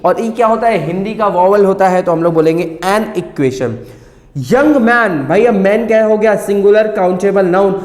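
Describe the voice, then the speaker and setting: A man teaching an English grammar lesson, explaining step by step, repeating key words and asking and answering his own questions. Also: high-pitched. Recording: echoey room with long reverb.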